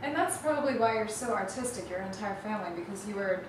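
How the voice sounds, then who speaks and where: A woman's voice: medium pitch, expressive, fast, far from the mic. A woman hosting a casual interview, reflecting on and summing up her guest's points in a supportive way. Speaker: interviewer, magazine host. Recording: echoey room, voice from off-mic, noisy background.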